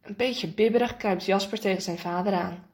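A woman reading a children's storybook aloud in a lively way, acting out the characters' lines. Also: normal speed. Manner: lively, voices the characters' lines with raised pitch. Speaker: narrator.

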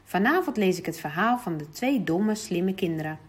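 A woman reading aloud the lines of a patient, cheerful father in a children's storybook, speaking in a gentle, playful, explaining way. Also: on the low side, expressive, normal speed, slightly rough.

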